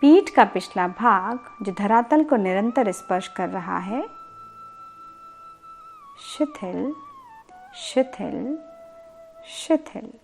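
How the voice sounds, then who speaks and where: A yoga instructor's fairly high, gravelly voice leads a sleep meditation while faint music plays. She keeps it calm and soothing, speaking deliberately with pauses and repeated words.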